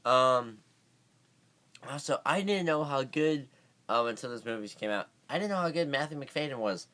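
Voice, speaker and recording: A man's voice: a little high, lively intonation, brisk, fairly bright tone. A man giving a casual vlog movie review, rambling with many fillers and restarts, and sounding tired.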